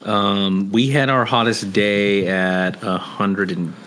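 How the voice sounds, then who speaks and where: A man's voice: fairly low pitch, slow pace, fairly bright tone, clear, resonant tone. A man co-hosting a podcast over a video call, laid-back and joking, with casual swearing. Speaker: podcast co-host. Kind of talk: casual chat.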